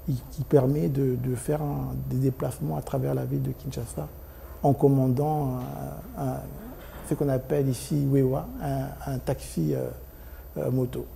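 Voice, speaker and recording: A man's voice: mid-range voice, level tone, normal speed, vocal fry, warm tone, slight background noise. A man in his forties from Congo, a company director answering interview questions hesitantly, with many ums and restarts. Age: 40s.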